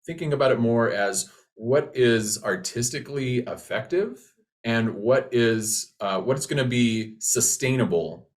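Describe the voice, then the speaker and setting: A man's voice: mid-range voice, animated, measured pace. A man talking as a voice teacher in a conversational, reassuring way, often restarting his phrases as he explains. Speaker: voice teacher, co-presenter.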